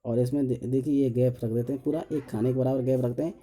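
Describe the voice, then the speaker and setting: A man gives a step-by-step engineering drawing tutorial while drawing, counting lines out loud, saying "okay" after almost every step, and asking himself questions before answering them. He talks fast in a mid-range voice with fairly even intonation, and the background is noisy.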